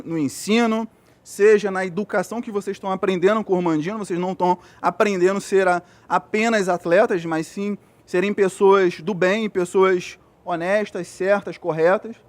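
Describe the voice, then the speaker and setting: A Brazilian man, a physiotherapist, giving an earnest motivational speech to young athletes, checking in often with his listeners. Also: sits high. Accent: Brazilian Portuguese.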